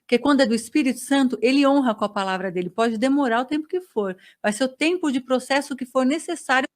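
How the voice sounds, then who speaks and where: A woman telling her faith testimony as a podcast guest, a lively storyteller who acts out dialogue. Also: high voice, fast. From Brazil.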